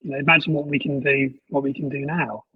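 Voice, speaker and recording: A man's voice: mid-range voice, steady tone, fast, slightly rough, no echo. A man chatting casually on a podcast, stumbling and restarting as he goes. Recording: muffled, distant from the mic.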